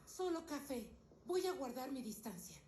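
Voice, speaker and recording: A woman's voice: high voice, sing-song, normal speed, warm tone, slight background noise. An actress voicing a woman who pleads with a colleague in a dubbed drama clip, apologetic. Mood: pleading. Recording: echoey clip, faint ambience.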